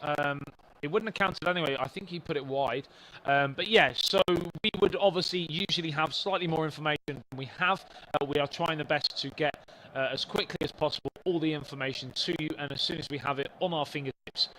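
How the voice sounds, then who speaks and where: A man on esports football commentary, working remotely from a studio. His voice sits a touch high. He runs the play-by-play and lifts his voice whenever an attack builds. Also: brisk, slight background noise, low-quality recording. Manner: lively, rises on big plays.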